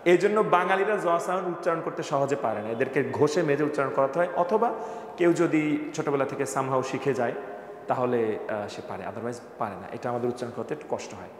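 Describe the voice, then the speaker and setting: A man teaching pronunciation to a live class, his tone playful and full of jokes as he calls on students and asks them questions. His voice sits at an ordinary male pitch and rings around a hard-walled room with a long reverb tail. A faint hiss of background noise stays under him the whole time. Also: brisk. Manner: playful, jokey, quizzes students by name. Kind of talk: classroom lesson.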